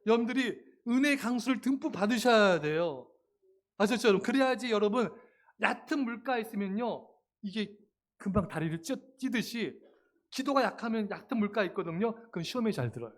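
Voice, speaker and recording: A male pastor delivers a Sunday sermon in a church, his voice sitting notably high for a man. He is emphatic and keeps turning to address the congregation directly. He weaves in humorous stories as he preaches. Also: animated, fairly quick. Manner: emphatic, often calls out to the congregation; humorous anecdotal storytelling. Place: church sanctuary.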